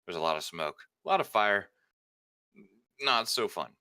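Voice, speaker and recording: Low-voiced, animated male game master. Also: moderate pace, clear, resonant tone, dry recording, clean studio sound. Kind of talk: tabletop game narration and table talk.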